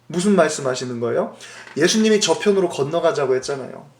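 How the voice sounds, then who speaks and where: A male pastor telling a Bible story in a Sunday school sermon, animated and often asking his listeners questions, in an echoey room. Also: a little high, fast.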